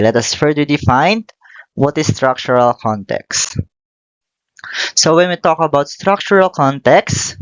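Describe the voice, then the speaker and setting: Slow, measured teacher explaining a lesson. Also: mid-range voice, no room sound, dull audio. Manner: measured explaining with frequent "okay" and "so". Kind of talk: classroom lesson.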